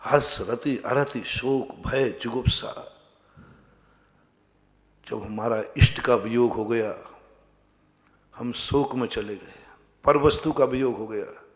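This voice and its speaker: A man, a Jain monk, giving a sermon full of questions to his listeners, swinging from emphatic loud peaks to quiet low passages. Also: slow, long pauses. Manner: rhetorical questions to the audience, rising to emphatic outbursts then dropping low. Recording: long hall reverb.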